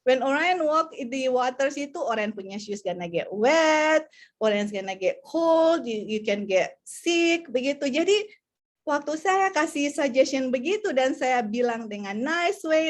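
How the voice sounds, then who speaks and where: High-voiced mother mixing English. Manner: mixes Indonesian with English phrases; acts out calls to her children. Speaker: mother sharing parenting advice.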